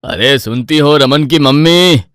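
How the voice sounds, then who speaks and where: A man voicing an impatient, hungry old father-in-law in a cartoon, calling out in a drawn-out way. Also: a little high, fairly bright tone, no echo, studio quality.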